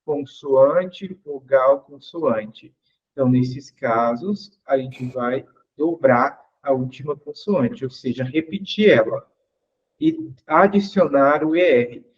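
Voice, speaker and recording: A man's voice: medium pitch, slow pace, husky, highs cut off. A man teaching English grammar in an online class. He explains patiently, asks the class questions and repeats each example.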